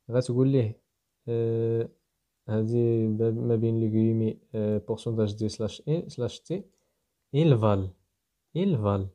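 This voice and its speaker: A man's voice: mid-range voice, mellow. A man with a Moroccan Arabic accent, teaching a programming lesson and walking through code step by step as he thinks aloud. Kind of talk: explaining programming to students.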